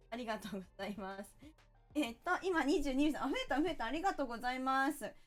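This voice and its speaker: A woman's voice: high-pitched, lively intonation, fairly quick, soft background music. A woman game streamer, chatting casually and thanking viewers one by one.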